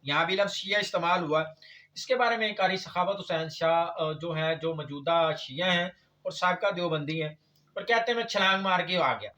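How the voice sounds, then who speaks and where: A man's voice: a little high, pushed and bright, distant mic, lo-fi sound. A man preaching an Islamic lecture, arguing against another scholar's reading with rhetorical questions and reciting verses. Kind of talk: religious lecture with Quran recitation.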